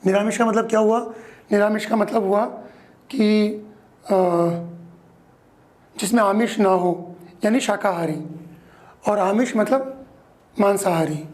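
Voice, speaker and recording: A male teacher giving a grammar lesson, explaining slowly and repeating each word, often checking in with the class. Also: high voice, fairly even intonation, darkish tone.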